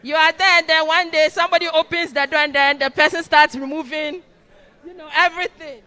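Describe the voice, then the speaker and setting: High bright woman lecturing in a hall. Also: fairly even intonation, brisk. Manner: quizzes audience with fill-in "what?" prompts. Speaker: orientation speaker. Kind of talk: orientation lecture. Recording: long hall reverb.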